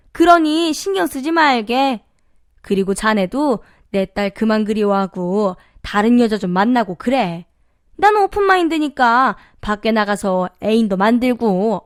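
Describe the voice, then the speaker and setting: A woman's voice: on the high side, clean tone, no echo, clean studio sound. A woman voicing an older mother-in-law who addresses her son-in-law in old-fashioned, commanding speech, in a radio story reading. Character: older mother-in-law, bossy then softened.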